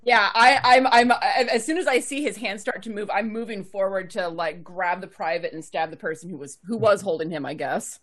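A woman's voice: mid-range voice, normal speed, few pauses, fairly bright tone. A woman playing a tabletop game, chatting casually and speaking now and then as her character.

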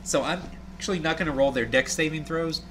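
A man running a tabletop game as game master, easygoing and quick to laugh. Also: on the high side, crowd noise.

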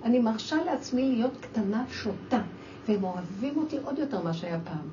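An older woman giving an emotional religious talk to a group, exclaiming and acting out her own scolding of children. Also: fairly high pitch. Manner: animated, exclaiming, acts out quoted scolding. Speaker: speaker addressing a women's audience. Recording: distant, dull lo-fi with faint noise.

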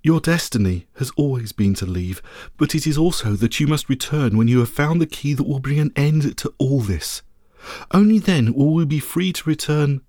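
A man's voice: on the high side, expressive, normal speed, a little mellow, no echo, studio quality. A man reading a story aloud, voicing a regal woman who rules by light, speaking in a solemn, ceremonial way. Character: regal commanding woman, radiant ruler of light.

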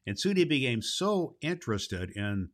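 A man playing a jolly, grandfatherly old Santa Claus, hosting and telling stories to children with hearty, drawn-out emphasis. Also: mid-range voice, very animated, close to an everyday voice. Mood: storytelling. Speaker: host of a children's Christmas story show. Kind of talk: hearty in-character greeting and storytelling for children.

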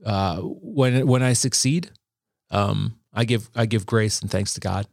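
A man in a casual faith conversation, speaking reflectively with frequent halting restarts. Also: on the low side, creaky, no echo, clean studio sound.

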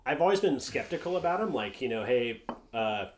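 A man's voice: medium pitch, fairly quick, roomy sound. A man co-hosting a podcast, chatting casually and rambling with lots of fillers and swearing. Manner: relaxed, rambling, swears freely, many fillers. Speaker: podcast co-host. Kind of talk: casual chat.

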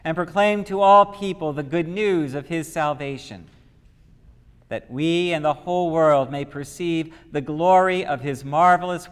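A man leading worship, intoning liturgical prayers in a slow, measured, solemn way. His voice carries a cathedral echo from a large church. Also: fairly high pitch, clean tone. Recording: long reverb of a large church.

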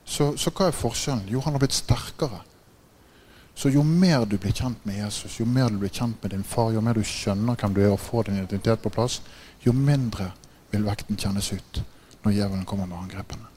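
A man with a lowish voice delivers a sermon, full of stories and little laughs. He keeps turning to his listeners with "right?" and rises in volume when the tale heats up. A faint hum of room ambience stays behind him. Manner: laughs often while telling stories; gets louder and higher in excited passages. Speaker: preacher. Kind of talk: sermon with animated storytelling.

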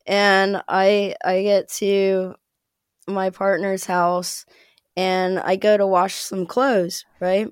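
A woman's voice: mid-range voice, little pitch movement, slow pace, clear, resonant tone, no room sound, studio quality. A woman from the Midwest, chatting casually as a podcast guest and laughing as she tells stories. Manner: chatty, laughs often while telling stories. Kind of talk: casual chat.

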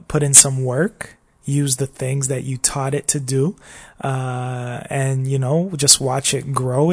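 A man hosts a casual solo podcast in a voice of ordinary middle pitch with a slight scratchiness. He talks in a loose, reflective, rambling way and keeps checking in with the listener. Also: darkish tone. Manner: rambling and reflective, often asking "you know what I mean?". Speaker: podcast host.

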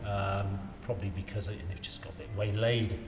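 Recorded in an echoey room with a little background noise, this interview guest from local politics casually recalls his life. He's a man in his 60s from Wiltshire, England, with a lowish, steady voice, and his storytelling rambles, halts and circles back over the same phrases.

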